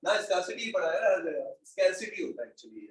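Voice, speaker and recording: Husky-voiced man lecturing casually. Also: sits high, big pitch swings, fast talker. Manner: informal, teasing students, calls them bhai and beta. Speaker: economics lecturer. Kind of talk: classroom lecture.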